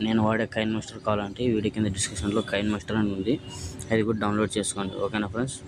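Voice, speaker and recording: Brief: male tutorial host, low, monotone delivery, rushed steps, checks in with "okay friends", loud traffic noise behind. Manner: keeps repeating "okay friends" between steps. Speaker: video editing tutorial host. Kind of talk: casual step-by-step phone app tutorial.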